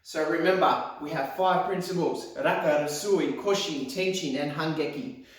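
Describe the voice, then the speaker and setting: A man's voice: on the high side, moderate pace. A male karate instructor explaining techniques in a martial arts lesson. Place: echoey indoor room, voice some distance from the mic. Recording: very echoey hall, distant mic.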